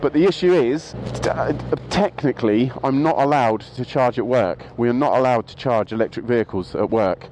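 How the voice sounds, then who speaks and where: A man's voice: mid-range voice, normal speed, hardly any pauses, darkish tone, poor audio. A man vlogging casually about his motorbikes, rambling and often breaking off to restart his sentences. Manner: rambling, self-interrupting. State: out of breath. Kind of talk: casual vlog monologue. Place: outdoors by a road. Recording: outdoor street noise behind.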